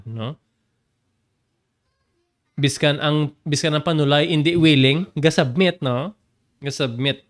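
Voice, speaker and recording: A man teaching a Bible passage, animated and laughing often, jumping up in pitch to stress a point. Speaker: preacher.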